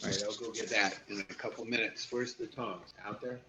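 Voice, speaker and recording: A man's voice: lowish voice, steady tone, fairly quick. A man, a player in an online tabletop game, chatting casually and offhandedly on a voice call. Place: online voice chat. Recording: muffled call audio with loud music behind.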